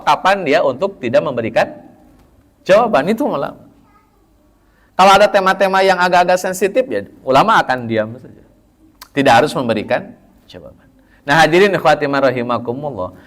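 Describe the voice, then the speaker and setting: A male preacher giving a conversational sermon, often addressing his listeners directly and lifting his voice for emphasis. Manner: animated, with sudden pitch lifts for emphasis. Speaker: Islamic preacher.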